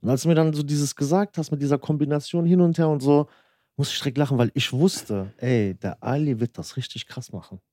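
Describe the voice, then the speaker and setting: A man's voice: on the high side, fairly quick, dark tone, no room sound, clean studio sound. A man chatting casually in slangy, emphatic bursts, often repeating words to underline agreement. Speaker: podcast host. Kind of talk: casual chat.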